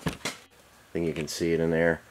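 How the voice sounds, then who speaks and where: A man's voice: sits low, completely flat delivery, a little fast, a little mellow, a little hiss or hum. A man casually explaining engine work in a home garage, matter-of-fact with many fillers, heard from an off-screen camera mic. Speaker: engine builder. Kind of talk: casual workshop demonstration.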